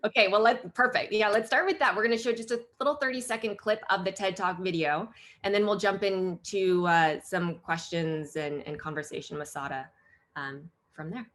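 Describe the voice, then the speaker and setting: A woman's voice: mid-range voice, fairly even intonation, normal speed, fairly bright tone. A woman hosting and moderating a virtual fireside chat, upbeat and welcoming. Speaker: host and moderator.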